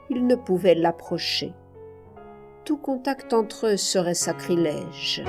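Slow, measured woman narrating a novel. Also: fairly low pitch. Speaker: audiobook narrator. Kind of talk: scripted literary narration.

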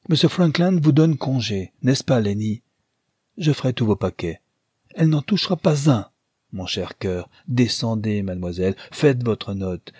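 A man with a husky voice voicing an impetuous young wife who scolds with imperious, haughty commands. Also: on the low side, warm tone, no echo, studio quality. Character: impetuous young wife, tender then fiery-tempered.

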